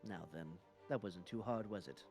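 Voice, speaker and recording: A man playing a cool, threatening adventurer in a tabletop game, speaking in a measured, deliberate way. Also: on the low side, darkish tone, soft background music, voice pushed down, natural voice. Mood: calm negotiating. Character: cool, threatening male adventurer, offering bargains. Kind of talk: in-character tabletop role-play.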